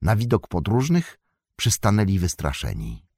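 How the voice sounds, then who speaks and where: A man narrating an audiobook in an expressive, lively way. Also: sits low, moderate pace, no room sound, studio quality.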